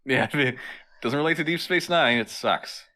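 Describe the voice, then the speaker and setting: A man co-hosting a podcast in casual chat, hesitant and quick to laugh. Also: medium pitch, pushed and bright. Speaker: podcast co-host.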